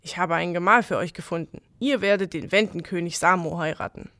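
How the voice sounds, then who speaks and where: A woman's voice: lowish voice, brisk, fairly bright tone, dry recording. A woman voicing a stern medieval Frankish prince who gives his daughter firm commands, in an audio legend reading.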